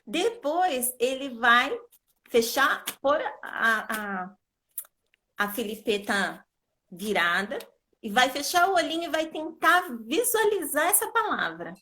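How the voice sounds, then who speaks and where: A woman's voice: high voice, big pitch swings, takes it slowly, pushed and bright. A woman educator teaching on a live video call, explaining step by step in a patient way and often checking that she is understood. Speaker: literacy educator.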